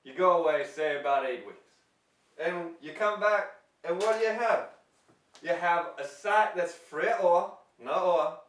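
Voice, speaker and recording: Guy doing a folksy mushroom scientist, high-ish voice, kinda far off in an echoey room. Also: fairly bright tone. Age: young adult. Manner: chatty, homespun lecturing to folks and kids. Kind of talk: amateur news-parody acting. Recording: roomy, distant from mic.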